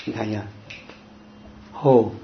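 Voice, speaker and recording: Guy running a bible study, talks real slow, asks the group questions, kinda dull lo-fi sound. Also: on the low side, fairly even intonation, vocal fry. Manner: quizzes listeners and quotes verses slowly. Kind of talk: informal Bible study teaching. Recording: dull lo-fi with faint hiss.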